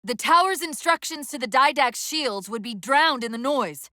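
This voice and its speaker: Recorded close and dry, the high, bright voice of a female AI partner from a military sci-fi game sounds expressive. She is focused and brisk, delivering urgent, crisp tactical commands laced with sardonic, dry wit.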